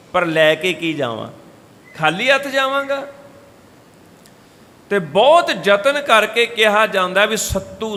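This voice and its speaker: A man's voice: high voice, pushed and bright, in a large hall. A man giving a Sikh scripture talk, telling stories and changing his voice for the people he quotes. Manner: storytelling, shifts voice for quoted speakers. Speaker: katha preacher. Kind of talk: Sikh scripture exposition with sung verses. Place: gurdwara hall.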